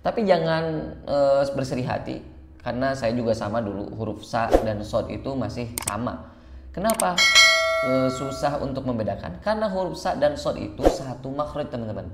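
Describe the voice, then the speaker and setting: A man's voice: mid-range voice, lively intonation, reverberant, very noisy. Indonesian man teaching Quran recitation. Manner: alternates slow drawn-out chanting with quick explanations. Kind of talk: online recitation lesson.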